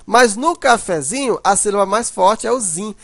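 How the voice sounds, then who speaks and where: Man, high voice, patient lesson explaining, repeats "né", dry. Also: expressive, moderate pace, gravelly, no room sound. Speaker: teacher. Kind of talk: recorded grammar lesson.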